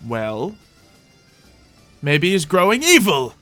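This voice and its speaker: With no room sound but music behind him, a man speaks slowly in a high, slightly bright voice whose pitch swoops wildly. He's hosting a gaming roleplay video, offering theatrical, playful in-character remarks to himself and his viewers.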